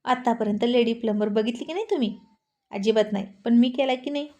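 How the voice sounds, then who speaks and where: A woman's voice: a little high, fast, mellow, natural voice. A woman voicing a cheeky, self-assured young wife who teases and bosses her husband in a storybook tale. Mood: teasing. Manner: teasing, playful and bossy. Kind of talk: storybook voice acting.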